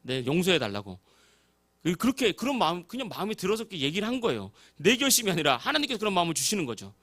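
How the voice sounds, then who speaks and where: Animated, high-voiced male pastor preaching. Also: very fast. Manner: storytelling sermon, acting out quoted voices. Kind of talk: sermon. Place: church sanctuary.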